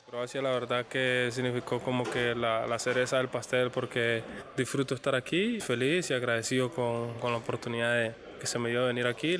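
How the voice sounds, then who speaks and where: A young man with a Colombian accent, speaking earnestly and haltingly in a documentary interview. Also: medium pitch, fairly bright tone, a little hiss or hum. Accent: Colombian Spanish. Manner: halting, repeats words, earnest. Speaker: professional footballer.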